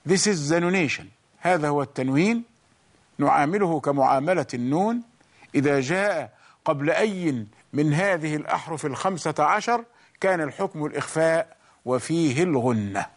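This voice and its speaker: Man, recitation teacher, deliberate, high-pitched. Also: lively intonation. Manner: slow, deliberate explanations, chanting the examples. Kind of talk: bilingual tajweed lesson.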